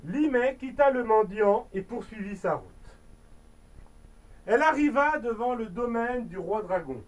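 A woman's voice: a little high, lively intonation, measured pace, recorded from a distance, rough recording. A woman reading a fairy tale aloud, slipping into playful, chatty asides. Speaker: storyteller.

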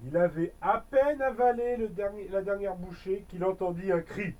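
A man reads a bedtime story aloud to a baby, breaking off for gentle, chatty asides. His voice sits high for a man. It sounds a bit off-mic. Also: moderate pace, recorded from a distance, dull audio, heavy background noise.

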